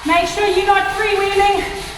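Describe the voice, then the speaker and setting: Breathless high-voiced woman coaching while cycling hard. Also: little pitch movement, a little slow, noisy background. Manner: cycling hard, calling out commands and countdowns with effort. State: out of breath from exertion. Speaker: spin class instructor. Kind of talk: motivational fitness class coaching while riding. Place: indoor gym spin studio, far camera. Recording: echoey gym studio from far off, loud music. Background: workout music.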